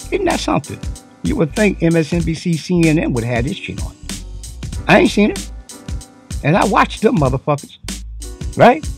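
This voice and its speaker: A man's voice: high voice, wildly swooping pitch, normal speed, long pauses, faint music behind. A man giving a profane, unscripted commentary monologue, talking animatedly and mocking the voices he quotes. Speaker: online commentary host.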